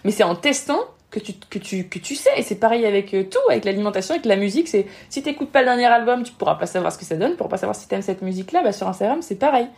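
An Instagram marketing expert appears as a podcast guest, a woman offering frank, emphatic social media advice. Her medium-pitched voice is expressive and a little mellow. She talks rapidly and often acts out the thoughts of other people.

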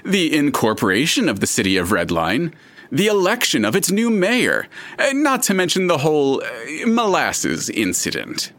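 A man's voice: fairly high pitch, huge pitch swings, moderate pace, a bit bright, full character voice. A man as a pompous, lilting city narrator. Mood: smug, playful. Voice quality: pompous, theatrical, arch. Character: wry, theatrical male narrator voice of the city. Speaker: narrator character. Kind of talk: audio drama acting.

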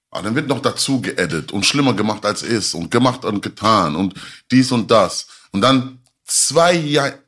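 A man's voice: mid-range voice, sharp tone. A man talking as a podcast guest, heated and repeating himself, often calling the others brother. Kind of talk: casual podcast chat.

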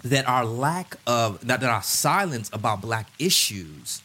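A man's voice: medium pitch, very animated, unhurried, bright, forceful tone. A man in a podcast discussion, talking in an emphatic, preacherly way and repeating phrases for weight. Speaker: podcast guest. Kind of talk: impassioned conversational preaching and discussion.

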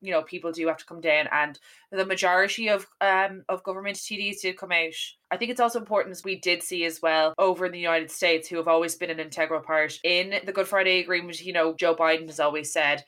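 Young Irish female podcast host, low register with a sharp bright edge, earnest and conversational. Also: steady tone, quick pace. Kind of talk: conversational current affairs discussion.

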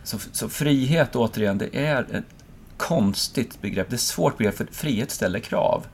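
A man, a speaker who gives lectures, reflecting aloud in a relaxed conversation, searching for words and acting out his own inner voice. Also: medium pitch, gravelly, slight background noise.

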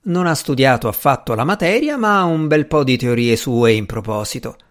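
A man's voice: medium pitch, expressive, moderate pace, lightly acted. A man voicing a proud young magician in an audiobook, with a dry, scornful way of talking. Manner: dry, sardonic.

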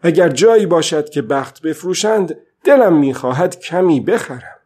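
A man reading a husky, worn-out old fisherman. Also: a little high, lively intonation, darkish tone, pitched above the performer's own voice. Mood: defiant. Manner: talks to himself, swinging from weary murmur to defiant outburst. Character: exhausted old fisherman alone at sea, stubborn. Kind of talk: audiobook reading.

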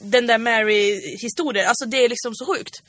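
A hoarse woman co-hosting a podcast, chatting casually and quickly, often breaking into laughter. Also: fairly high pitch, a bit bright. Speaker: podcast co-host.

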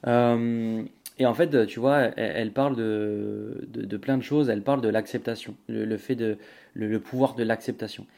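A man's voice: on the low side, steady tone, moderate pace, gravelly, darkish tone. A young man hosting a casual solo podcast, rambling with many fillers and restarts while talking straight to the listener. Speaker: podcast host.

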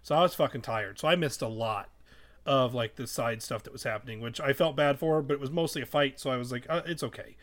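A man chatting excitedly on a tabletop game podcast, swearing freely and retelling conversations. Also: medium pitch, fairly quick. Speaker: podcast editor and player. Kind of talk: casual tabletop podcast chat.

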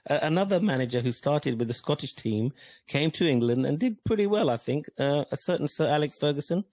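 A man's voice: fairly high pitch, expressive, brisk, a little mellow, dry recording. A man co-hosting a fan podcast, easygoing and probing his co-host with questions. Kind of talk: casual fan podcast chat.

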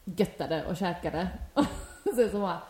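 A woman's voice: lowish voice, dark tone. A woman telling a story in casual chat, laughing often and acting out quotes. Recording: echoey room with faint noise.

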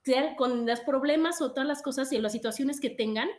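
A woman talks in a lively, chatty way and acts out the voices in her stories. Her voice sits high. The room around her echoes. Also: fairly quick. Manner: chatty, animated storyteller acting out quotes. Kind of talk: casual conversation about parenting.

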